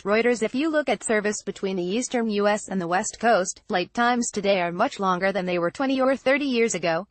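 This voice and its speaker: This is a woman narrating a scripted news article, recorded dry with no echo. Her voice sits in the mid range, and she delivers the text formally and word for word.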